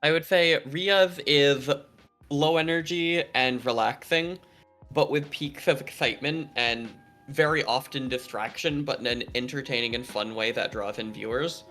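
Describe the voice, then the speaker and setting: A man's voice: medium pitch, normal speed, sharp tone, faint music behind. A man streamer chatting casually with friends, bubbly and laughing often. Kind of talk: casual chat on a group stream.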